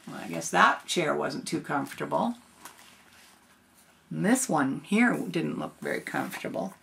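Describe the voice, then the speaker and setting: Older woman, grandma storyteller, unhurried, lively pitch swings over a creaky voice. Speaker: grandmother reading a picture book aloud. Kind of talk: storybook read-aloud with casual asides.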